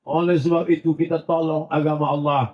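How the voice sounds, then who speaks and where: A man delivers a sermon to a large gathering, his voice high and husky. He mixes jokey stories with recited Arabic verses and rising, emphatic appeals. The recording sounds dull and lo-fi. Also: little pitch movement, fairly quick. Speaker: Islamic preacher.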